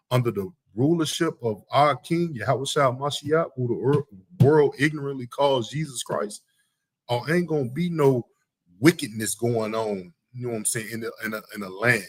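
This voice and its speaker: Speaking at a medium pitch and moderate pace with a breathy edge, this man hosts a live talk show as a podcast host. He preaches heated religious commentary with emphatic repetition, returning again and again to "you know what I'm saying," and there's no echo.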